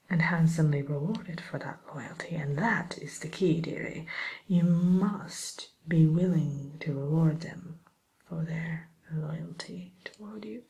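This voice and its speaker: A woman voicing a vain, sly witch tutor in a whispered ASMR roleplay, genteel and gently condescending to a pupil, with a soft, breathy, hesitant delivery. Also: deep voice, rough recording. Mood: defensive, haughty. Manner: unhurried, hesitant, politely condescending, addresses listener as pupil.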